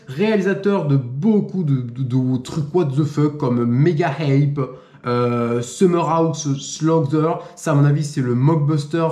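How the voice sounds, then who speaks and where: A man's voice: mid-range voice, darkish tone, reverberant. A man chatting casually as a video host, rambling with many fillers and restarts and swearing offhandedly. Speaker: YouTube host.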